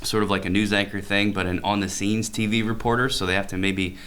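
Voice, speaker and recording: Man, podcast co-host, teacher, deep voice, smooth clear tone, casual rambling chat. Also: level tone, fast talker, fairly bright tone. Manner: rambling, self-correcting, laughs easily.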